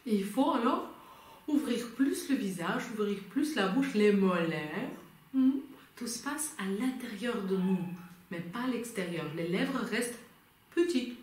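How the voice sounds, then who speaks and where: A woman's voice: mid-range voice, lively intonation, a little slow, darkish tone, a little hiss or hum. A woman singing teacher guiding a vocal lesson patiently, reassuring and coaching step by step. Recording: very echoey room.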